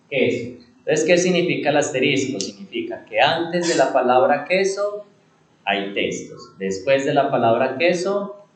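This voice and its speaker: Man teaching in an echoey classroom. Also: mid-range voice. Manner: asks rhetorical questions and answers them himself; repeats key words, stretches words slowly for emphasis. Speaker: computer class instructor. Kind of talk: classroom teaching with questions to students.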